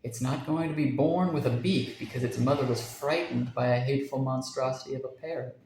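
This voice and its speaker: A man's voice: medium pitch, brisk, a little mellow, a little hiss or hum, natural voice. A man voicing a fretful young wife with a raised, insistent delivery, in a roomy recording.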